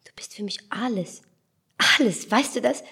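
An insecure young man, read by a woman, stammers and pleads in a slightly raised, breathy voice. He talks like someone who clings to others and fears being left. It is a spoken audiobook scene. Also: a little high, lively intonation, moderate pace, pitched above the performer's own voice. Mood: pleading.

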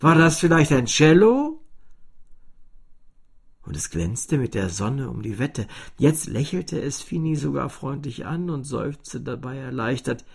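A man reading a children's story aloud, slow, lively and expressive, sometimes dropping to a whisper. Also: medium pitch, vocal fry, breathy edge.

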